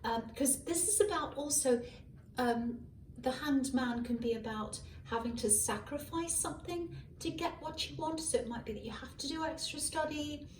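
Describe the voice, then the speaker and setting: Far off and echoey, a hoarse adult woman with a high voice does a casual tarot reading to camera at normal speed, musing, rambling and correcting herself with many ums. A malfunctioning mic picks her up from a distance, with slight background noise and faint passing cars.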